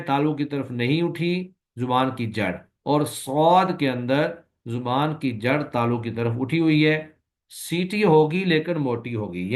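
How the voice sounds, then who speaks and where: A man who teaches Quran recitation, giving a recorded lecture and explaining slowly and patiently, with long drawn-out sample sounds and a Pakistani Urdu accent. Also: on the high side. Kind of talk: recorded lecture on letter pronunciation.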